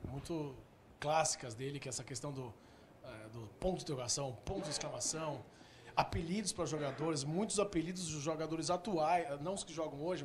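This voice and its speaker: Relaxed Brazilian host with slight hiss. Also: male voice, on the high side. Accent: Brazilian Portuguese. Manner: relaxed, asks short prompting questions. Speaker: talk show host. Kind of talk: casual interview.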